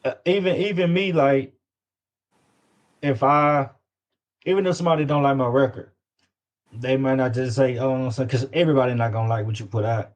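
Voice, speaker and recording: With long pauses between thoughts, a Louisiana-born independent music artist chats casually as an interview guest, his Southern US accent full of slang and repeated phrases for emphasis. He speaks at a medium pitch and moderate pace, and the recording is dull and lo-fi.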